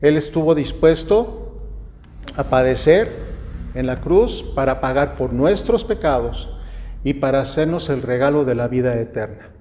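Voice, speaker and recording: A man with a Mexican accent preaching a sermon, speaking deliberately, asking rhetorical questions and often restarting his phrases. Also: medium pitch, expressive, darkish tone, long reverb tail, a little hiss or hum. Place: church.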